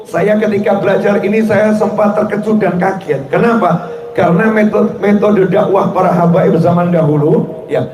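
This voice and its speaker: A man with an Indonesian accent giving a sermon at a religious gathering, telling stories and jokes in a relaxed way and putting questions to the audience. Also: high voice, moderate pace. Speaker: preacher. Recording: echoey hall, distant mic, background noise.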